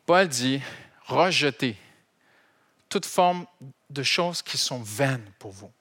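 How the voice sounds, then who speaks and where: A middle-aged man from Canada with a Canadian French accent, preaching a sermon to his congregation in an animated, conversational and humorous way. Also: mid-range voice, takes it slowly. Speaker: pastor. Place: church hall.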